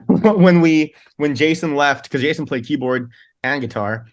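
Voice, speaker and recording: A man's voice: a little high, animated, measured pace. A man, a band's singer, telling long rambling tour stories in a casual interview, laughing often and restarting his sentences. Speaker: band singer, guest.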